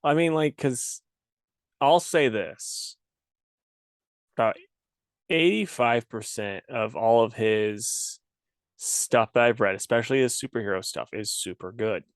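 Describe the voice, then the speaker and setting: Laughing, animated man co-hosting a podcast. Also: mid-range voice, a little slow, pauses often, clean tone, no room sound, studio quality. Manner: animated, laughs a lot, puts on joking voices. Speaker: podcast co-host. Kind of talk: casual chat.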